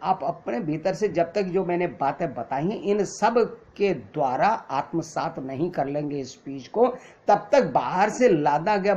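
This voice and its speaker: A man's voice: on the high side, a little mellow. A man teaching an acting class, explaining patiently and mixing English terms into his Hindi. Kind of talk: lecture. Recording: dull lo-fi recording.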